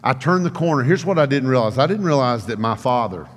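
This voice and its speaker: A pastor delivering a sermon, his voice ringing with a long hall reverb. He talks with an ordinary, mid-range pitch, stammering and repeating words. He swings from loud, lively bursts to quiet, low stretches. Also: quick pace. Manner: storytelling preacher, swings from loud animated bursts to hushed low tones.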